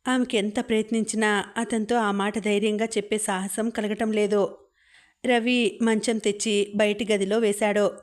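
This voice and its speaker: Female audiobook narrator, steady and even, with a flat, unvaried pitch at a middle height. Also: moderate pace. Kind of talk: scripted novel narration.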